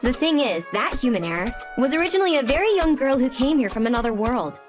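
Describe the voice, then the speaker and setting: An actress voicing a brash, tough young woman fighter who talks in a blunt, sarcastic and rough way in an anime dub. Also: high voice, sing-song, quick pace. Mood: scornful. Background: background music.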